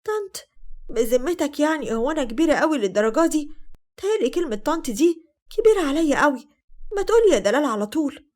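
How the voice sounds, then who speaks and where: A coy, wheedling middle-aged stepmother, put on by a woman storyteller in an Egyptian accent. Her voice sits fairly high and the words come quickly. A scheming figure from a spoken family story. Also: expressive. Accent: Egyptian Arabic.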